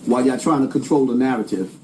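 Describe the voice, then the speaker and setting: A man's voice: mid-range voice, fast talker, mellow, slight background noise. A man delivering an emphatic, preachy rant straight to camera, hammering his points with repetition. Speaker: commentator.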